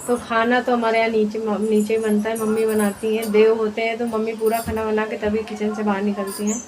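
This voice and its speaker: A woman chatting through a family vlog at home, tired from fasting. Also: on the high side, flat delivery, noisy background. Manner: chatty, homely storytelling. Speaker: vlogger.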